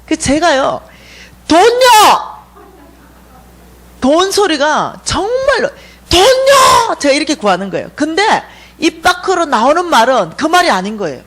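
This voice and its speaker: Animated Korean woman telling a church testimony. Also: high voice, moderate pace. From South Korea. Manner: animated storytelling, acting out dialogue. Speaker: guest speaker at a church revival. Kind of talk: sermon testimony.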